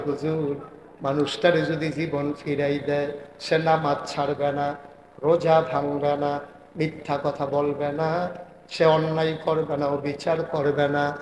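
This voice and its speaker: A man preaching a waz sermon to a gathering, swinging from loud, crying appeals down to low storytelling. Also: echoey room, long reverb tail, slight background noise.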